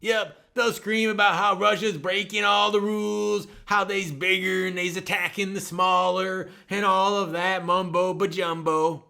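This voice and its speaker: A man's voice: sits high, flat delivery, measured pace, creaky, few pauses, bright, forceful tone, full character voice. A man voicing a folksy know-it-all male sidekick who drawls in loose, ungrammatical phrasing in comedic banter. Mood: smug.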